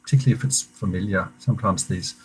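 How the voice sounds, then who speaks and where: Male meditation teacher, deep voice, hesitant and soft-spoken, streaming his class. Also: slight background noise, low-quality recording. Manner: halting, many fillers and restarts, gentle. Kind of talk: online meditation class introduction. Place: room at a meditation centre.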